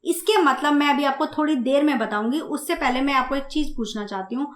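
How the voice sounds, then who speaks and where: A woman teaching German grammar in Hindi, speaking slowly, repeating points and asking her students questions. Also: high-pitched, reverberant. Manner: slow, repeats and asks the class questions. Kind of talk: grammar lesson explained in Hindi.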